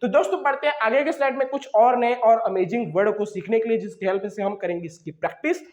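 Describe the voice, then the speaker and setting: A young man, unwell, teaching English reading from slides, who drills syllable blends slowly and talks fast between sets. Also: high voice, darkish tone, echoey room, dull audio. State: unwell, coughing. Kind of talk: slide-based phonics lesson.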